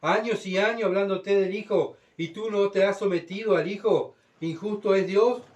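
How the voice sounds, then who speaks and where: A man preaching a sermon, his voice on the high side for a man. He reads scripture and acts out crowds and God in dramatic bursts. He stands some way off the microphone. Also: moderate pace, darkish tone, lo-fi sound. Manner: dramatic, voicing God and mocking crowds in heightened tones. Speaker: pastor. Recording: voice from far off the mic.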